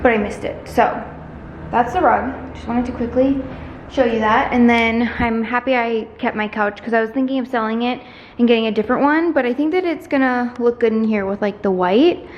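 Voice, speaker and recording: Holding a camera as she tours an empty apartment, a young woman narrates a casual vlog in a fairly high voice at normal speed. She's chatty and gushing, saying "like" constantly, and the lo-fi audio carries echo from the bare rooms plus faint background noise.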